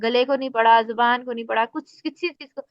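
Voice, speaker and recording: High-voiced woman teaching Quran recitation. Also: fairly even intonation, no echo. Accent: Pakistani Urdu. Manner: explains patiently, demonstrates recitation slowly. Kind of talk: casual spoken lesson. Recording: dry, slightly muffled recording.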